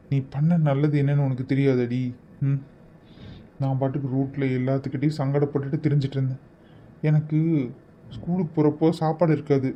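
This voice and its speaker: A man's voice: on the high side, highs cut off, a little hiss or hum, lightly acted. A man voicing an obsessive, lovesick young man in a cartoon, talking in an insistent, pleading way. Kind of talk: cartoon voice acting.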